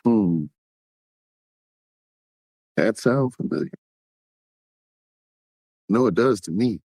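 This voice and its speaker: Low-voiced man hosting a podcast. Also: expressive, drawn-out words, a little mellow, no echo. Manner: conversational, talks straight to listeners, acts out quotes. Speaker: podcast host. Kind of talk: casual podcast monologue.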